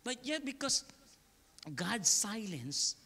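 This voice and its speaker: A man with a Filipino accent preaching an animated, joking sermon. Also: high voice, extremely slow. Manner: animated, joking, mixing English and Tagalog. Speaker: pastor. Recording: reverberant hall.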